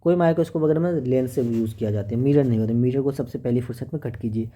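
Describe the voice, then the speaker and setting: A man's voice: medium pitch, fast, warm tone. A man teaching an exam-prep lesson, working through questions in a chatty, coaxing way and often checking with the class.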